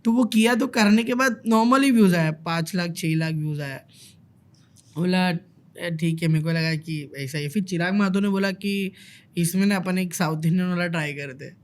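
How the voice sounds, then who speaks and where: A male content creator telling animated stories in a casual chat, mixing English words into his Hindi. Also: sits high, normal speed.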